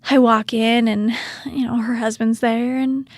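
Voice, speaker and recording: A woman doula and podcast co-host, telling a moving story softly, holding back tears. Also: a little high, flat delivery, unhurried, no echo, studio quality. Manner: emotional, soft-spoken, holding back tears. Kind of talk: casual storytelling. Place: Utah.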